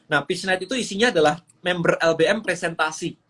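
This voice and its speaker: A man with a somewhat high-pitched voice explains a business framework step by step. He talks like a coach on a phone livestream, mixing English terms into his speech. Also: brisk, a bit bright. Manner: explanatory, mixes English phrases. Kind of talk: Instagram livestream talk.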